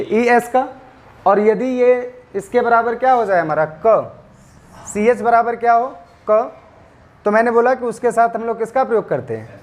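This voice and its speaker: A man teaches English grammar in a high-pitched voice. He spells endings out letter by letter and slows down on them. He keeps asking the class questions and answering them himself. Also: darkish tone. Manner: spells out letters slowly, stresses pronunciation. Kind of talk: classroom lecture.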